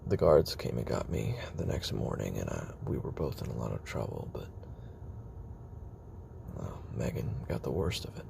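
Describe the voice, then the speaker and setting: In an audio roleplay, a man voices a haunted, weary former child assassin recording a tape memoir as a confessional monologue. His very deep, gravelly voice often sinks into a whisper, with big pitch swings and heavily acted delivery. He sounds sorrowful and halting, brooding with trailing pauses, over a noisy homemade recording with background ambience.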